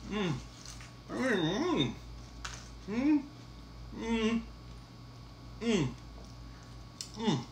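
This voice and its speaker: A man's voice: high voice, very animated, drawn-out words, long pauses, a little mellow, reverberant, a little hiss or hum. A man humming with his mouth full while chewing during a casual taste test. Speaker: food reviewer.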